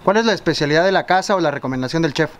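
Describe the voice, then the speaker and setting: A man with a Oaxacan Mexican Spanish accent, hosting and interviewing outdoors with brisk, upbeat questions. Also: fairly high pitch, animated, slight background noise. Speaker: host interviewer. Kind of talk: casual interview. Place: outdoors by a lake.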